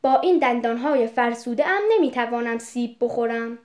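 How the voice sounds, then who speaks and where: A woman's voice: fairly high pitch, darkish tone, close to an everyday voice. A woman reading the lines of a boy who grows into a tired old man, in a plain, matter-of-fact manner. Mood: weary.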